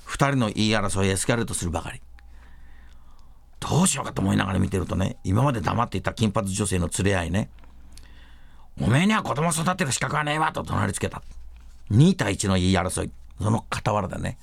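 Gravelly low-voiced man telling stories. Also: brisk, no room sound. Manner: animated retelling with many fillers. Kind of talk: casual storytelling.

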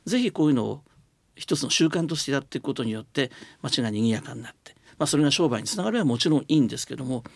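Older male guest, earnest explainer, fast and animated, dry studio sound. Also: medium pitch, gravelly, no room sound. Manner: earnest, explaining at length with many fillers. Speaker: radio interview guest, business leader. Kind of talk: radio interview talk. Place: radio studio.

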